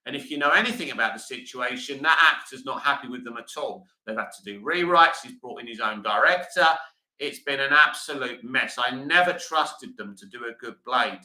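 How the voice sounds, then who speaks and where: A man's voice: mid-range voice, moderate pace, sharp tone, echoey room, low-quality recording. A middle-aged man from England, hosting a casual livestream, reading viewer comments aloud and answering them bluntly. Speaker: livestream host reading chat.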